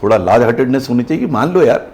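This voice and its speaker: A man's voice: medium pitch, very fast. A man in his sixties, a retired senior civil servant, giving earnest interview answers and often switching into English. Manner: emphatic, animated, earnest explaining.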